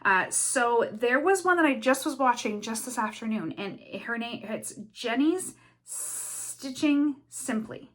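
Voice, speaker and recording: A woman from Canada chatting casually in a craft vlog, talking fast and rambling with many fillers and restarts. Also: fairly high pitch, lively intonation, a bit bright. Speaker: cross stitch vlogger.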